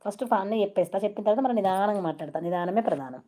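Rapid-fire and warm, this medium-pitched woman from Telangana, India, runs a casual live stream. With her Telangana Telugu accent, she chats, greets viewers by name, and drops in English phrases.

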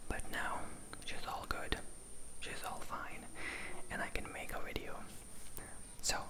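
A young man doing whispered ASMR close to a small handheld lapel mic in a room, in short phrases with pauses. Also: low-quality recording. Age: young adult. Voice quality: breathy unvoiced whisper. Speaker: ASMR video creator. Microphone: lapel mic held by hand close to the mouth.

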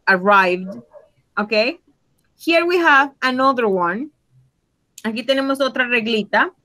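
A woman's voice: fairly high pitch, sharp tone, low-quality recording. A woman teaching English grammar to Spanish speakers, explaining patiently, drawing out example words and checking in with frequent tag questions. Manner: switches between Spanish and English; slow, drawn-out example words.

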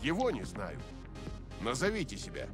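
An actor playing a stiff, official security guard in a Russian video game dub. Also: male voice, medium pitch, wildly swooping pitch, normal speed. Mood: stern. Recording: loud music behind.

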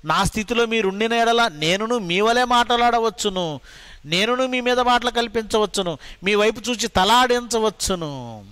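A man with a Telugu accent preaching a sermon, asking rhetorical questions and quoting Bible verses dramatically, moving between loud and soft. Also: high-pitched, animated, moderate pace, smooth, no room sound. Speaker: pastor.

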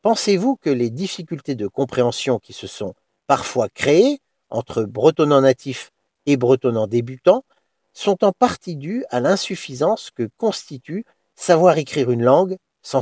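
A man interviewing a guest, asking long questions in measured, formal phrasing. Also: mid-range voice, big pitch swings, a little mellow, no room sound.

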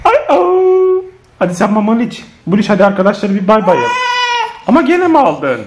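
Lively man chatting on a family vlog. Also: high voice, brisk. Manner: lively, playful, often laughing while talking to children and viewers. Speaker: family vlogger. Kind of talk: casual family vlog chat to viewers. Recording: noisy home video recording.

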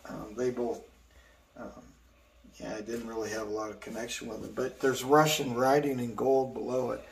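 A man's voice: medium pitch, flat delivery, moderate pace, creaky. Rambling older man in an echoey room. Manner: rambling storyteller, many fillers. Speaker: artist showing his studio. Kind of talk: casual guided tour. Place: indoor art studio. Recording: echoey room, distant mic, faint hiss.

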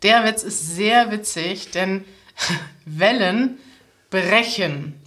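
Slow-paced woman teacher explaining things. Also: medium pitch, fairly bright tone. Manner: clear step-by-step explaining. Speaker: language teacher and presenter. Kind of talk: explaining jokes to language learners. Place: small room indoors, seated at a table.

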